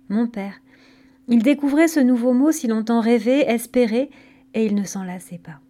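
A woman narrating a scripted myth story in a calm, gentle storytelling manner. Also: on the high side.

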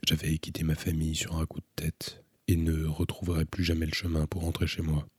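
A man calmly reading a novel aloud as an audiobook narrator, in a measured, introspective way. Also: rumbling low, slightly rough, no room sound, clean studio sound.

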